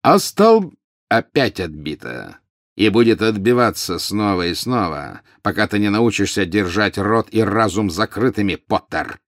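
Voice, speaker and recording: A cold, sneering wizard snaps at his enemy and barks orders, as a man reading an audiobook puts him on. The voice sits low and dry, close to the reader's own. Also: very animated, measured pace, dry recording. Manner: sneering, barking commands.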